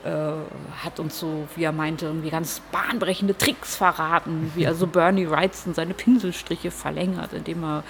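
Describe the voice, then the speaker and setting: A woman's voice: deep voice, fairly even intonation, moderate pace, hardly any pauses, a little hiss or hum. A woman from Hamburg, a comic artist, telling her story in an interview in a reflective way with hesitant fillers. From Hamburg, Germany.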